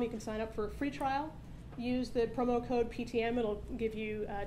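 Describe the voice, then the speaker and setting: Brisk woman presenting a product demo. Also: on the high side, darkish tone, a little hiss or hum, poor audio. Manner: brisk, explanatory, upbeat. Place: conference stage at a meetup, indoors. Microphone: podium microphone.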